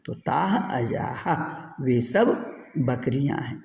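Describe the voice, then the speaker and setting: Slow gravelly male Sanskrit teacher. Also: mid-range voice, big pitch swings, darkish tone. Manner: drills words, asks and answers his own questions. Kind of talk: recorded class lesson. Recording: echoey room with long reverb.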